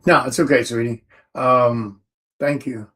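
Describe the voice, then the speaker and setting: A man's voice: medium pitch, fairly even intonation, unhurried, bright, forceful tone, breathy edge, soft background music. A tired man talks casually on a livestream as he works through a stack of orders. He mutters item names to himself between loose, chatty asides. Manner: mutters to himself while reading out order items. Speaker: comic artist streaming while packing orders.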